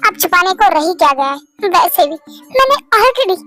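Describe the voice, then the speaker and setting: A man's voice: very high-pitched, sing-song, normal speed, bright, forceful tone, faint music behind, full character voice. A woman doing a teasing young male boss. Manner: playful, teasing. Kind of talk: Hindi fan-story voice acting.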